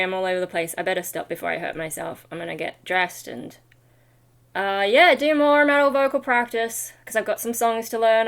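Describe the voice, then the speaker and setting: This vlogger, who also sings metal vocals, sounds worn out and only half awake. Her pitch is fairly high and her tone fairly bright as she rambles casually, jumping between thoughts and poking fun at herself.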